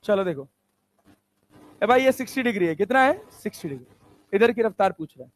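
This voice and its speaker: High-voiced man teaching physics. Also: animated, brisk. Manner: coaxing, asks constant check questions. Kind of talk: classroom physics lesson.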